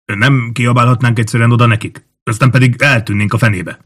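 A man's voice: medium pitch, steady tone, fairly bright tone, lightly acted. A male audiobook narrator voicing a fearful young Roman legionary who grumbles anxiously. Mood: gloomy.

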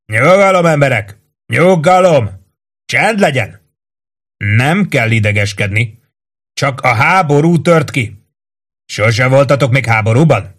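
A man reading an audiobook, voicing a gruff army first sergeant who shouts orders at his troops in a loud, raised voice. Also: medium pitch, animated, long pauses, pitched above the performer's own voice. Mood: commanding, shouting. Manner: barks commands, curses, loud and emphatic.

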